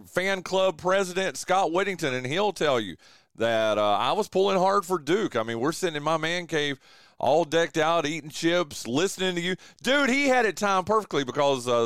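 Male podcast host, slightly high voice, bouncy animated delivery, dry close sound. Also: clear, resonant tone, no room sound. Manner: animated, joking, says "dude" a lot. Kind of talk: casual sports chat.

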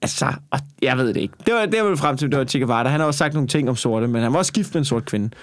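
A man's voice: mid-range voice, lively intonation, dry recording, clean studio sound. A man in casual comedic banter, rambling and swearing a lot with many fillers.

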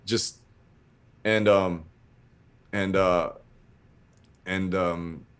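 A man's voice: deep voice, extremely slow, smooth. A man casually telling a long story, rambling and swearing, acting out what people said. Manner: rambling, profane, animated retelling with acted-out quotes.

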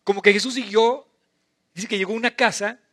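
High-voiced preacher, impassioned. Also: male voice, fairly even intonation. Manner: impassioned, swings between loud emphatic bursts and soft drawn-out phrases. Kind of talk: sermon.

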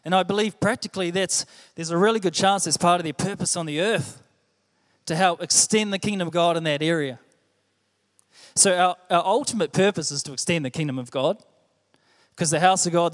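A young New Zealand man preaches a sermon in a light, high voice, speaking earnestly and conversationally and often circling back to repeat himself. A long echo from the church hall fills the recording.

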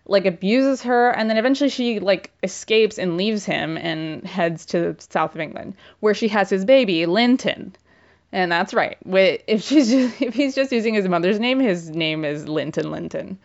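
A woman's voice: medium pitch, normal speed, muffled recording. Chatty young woman summarizing a book. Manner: chatty, irreverent, full of filler words and slang.

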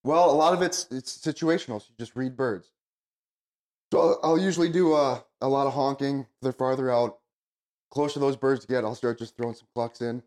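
A man's voice: medium pitch, normal speed, a little mellow. Plain-spoken man giving casual instruction. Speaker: goose calling expert, instructor.

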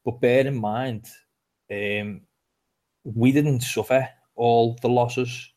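A man's voice: mid-range voice, steady tone, slow pace, a little mellow. A man with a Liverpool accent, co-hosting a casual podcast chat and telling stories in a chatty way. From England. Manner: chatty storyteller, swears now and then. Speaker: podcast co-host.

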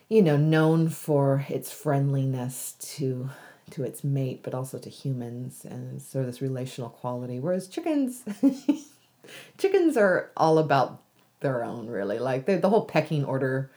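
This American woman has a very deep, dark-toned voice. She's an interview guest reflecting thoughtfully in conversation, restarting often and laughing easily.

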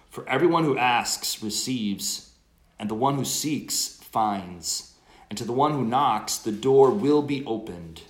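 At Mass in a large church, a priest with a medium-pitched voice reads the gospel and preaches a homily in a measured, earnest manner. His words ring out in the echoey, cathedral-like acoustics.

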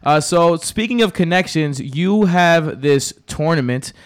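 Podcast host, male, New York accent, fairly high voice, energetic delivery, close dry sound. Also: measured pace, no room sound. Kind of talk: energetic sports podcast hosting.

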